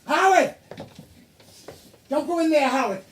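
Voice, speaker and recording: A woman's voice: sits high, measured pace, slight background noise. A woman playing a bossy, scheming friend giving urgent orders, in a distant, roomy stage recording.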